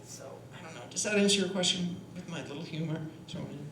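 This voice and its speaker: A fast-talking woman with a fairly low voice, she sings and teaches voice, and here she's on a panel demonstrating breathing. Her style is conversational and demonstrative, peppered with "right?", and the recording has the echo and constant noise of a performance hall.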